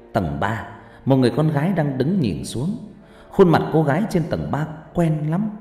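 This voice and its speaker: A man's voice: mid-range voice, a little mellow. A man reading a scripted horror story with a dramatic delivery. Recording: echoey, long reverb, music behind.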